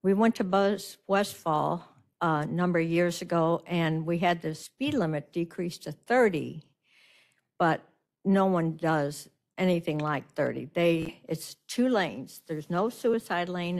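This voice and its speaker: A woman's voice: on the low side, measured pace. Indignant older woman at a hearing. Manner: indignant, emphatic complaint. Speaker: resident speaking at public hearing. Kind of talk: public comment at a hearing. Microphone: video call.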